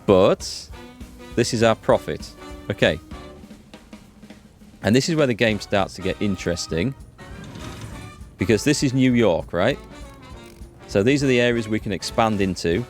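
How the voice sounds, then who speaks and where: This gaming video host has an animated, lowish voice but takes his time, leaving long pauses as he explains and thinks aloud through a casual let's play. Music plays in the background.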